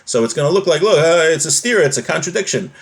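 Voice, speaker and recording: In a casual lesson on religious law, a fast-talking man with an expressive, rather high voice quotes Hebrew phrases from a text. He then breaks them down in everyday language, using rhetorical questions along the way.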